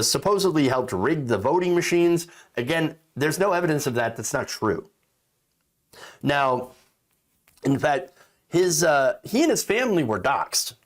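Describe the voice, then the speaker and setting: A man giving indignant, opinionated political commentary as a host, stressing and repeating words for emphasis. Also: medium pitch.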